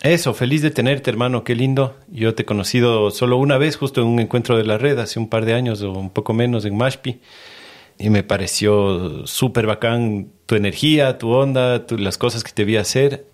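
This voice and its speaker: A man's voice: medium pitch, normal speed, dry recording. A man hosting a podcast, talking in a casual, enthusiastic and informal way. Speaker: podcast host.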